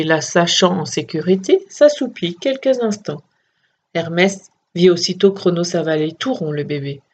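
A woman narrating a children's myth story in a steady, expressive reading voice. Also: on the low side, husky, muffled recording.

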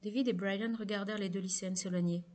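Woman reading a novel aloud, steady. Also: medium pitch, quick pace. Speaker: audiobook narrator. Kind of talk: scripted novel narration.

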